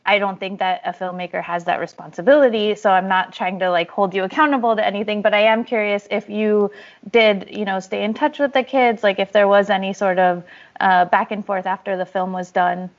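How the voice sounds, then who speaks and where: A woman's voice: mid-range voice, fairly even intonation, a little fast, dull audio. A woman interviewer asking long, tentative questions, hedging with many fillers.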